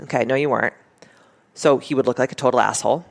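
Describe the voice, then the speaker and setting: A woman's voice: very deep voice, quick pace, gravelly. A woman guest in a casual interview, telling stories bluntly, swearing freely and acting out what people said. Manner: animated, blunt, swears freely, acts out quotes. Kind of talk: casual storytelling chat.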